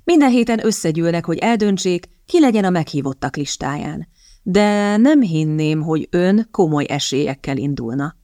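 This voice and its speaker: A woman reading the lines of a sardonic young gentleman in an audiobook, in a drawling, teasing tone of mock courtesy. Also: fairly low pitch, animated, no echo, clean studio sound, lightly acted. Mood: dismissive.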